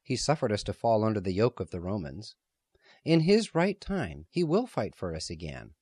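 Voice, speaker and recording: A man reading the part of a quiet, devout woman who speaks softly. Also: lowish voice, big pitch swings, normal speed, slightly rough, no echo, studio quality. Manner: quiet, soft-spoken.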